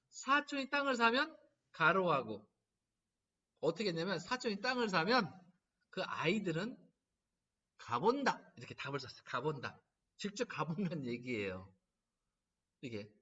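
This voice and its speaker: A man's voice: high voice, normal speed, pauses often, slightly rough. A man lecturing as a laughter therapist, telling stories and acting out the lines people say. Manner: animated storytelling, acting out quoted lines. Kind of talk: humanities lecture. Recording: dull, distant lo-fi recording.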